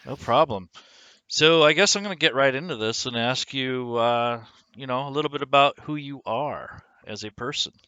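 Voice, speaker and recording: A man's voice: medium pitch, normal speed, sharp tone, clear, resonant tone, dry recording, dull audio. A man hosting an online interview, friendly and hesitant, with frequent ums while he asks questions. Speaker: host.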